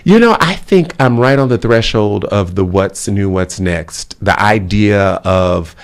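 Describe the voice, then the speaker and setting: A man's voice: fairly low pitch, animated, unhurried. A middle-aged man talking as a guest on a talk show, chatty and full of "you know" fillers. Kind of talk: casual interview conversation.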